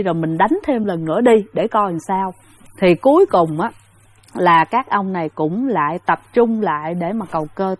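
A woman's voice: mid-range voice, dry recording. Chatty woman storyteller. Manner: chatty, addresses listeners directly, many fillers. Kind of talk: casual spoken ghost story.

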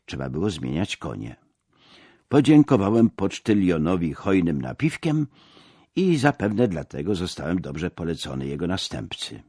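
A man's voice: sits low, dark tone, slightly rough, no room sound, studio quality. A man narrating an audiobook, telling the story expressively and dramatically.

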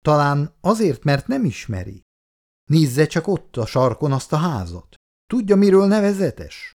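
Casting: a man doing a gracious, worldly writer for a read-aloud story, lively intonation. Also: on the high side, voice pushed up. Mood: knowing. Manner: polite, gently persuasive. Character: courteous, worldly male writer, middle-aged.

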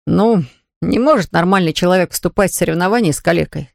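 Reader as an earnest young guy begging his girl, middle pitch, dry close sound. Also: quick pace, gravelly, no echo, lightly acted. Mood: imploring. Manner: earnest, imploring. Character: ardent young man in love.

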